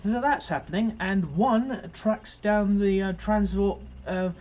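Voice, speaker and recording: A man's voice: high voice, slow pace, darkish tone. A man giving a casual, rambling overview of an episode as host of his fan series, full of fillers and restarts.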